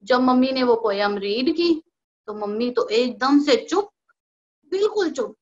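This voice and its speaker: A young woman tells a personal devotional story in a casual, lively way, acting out the lines of the people in it. Her voice sits high. The recording sounds dull and lo-fi. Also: unhurried. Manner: animated storytelling, acting out quoted dialogue. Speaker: devotee sharing a personal experience. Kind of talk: casual spoken testimony.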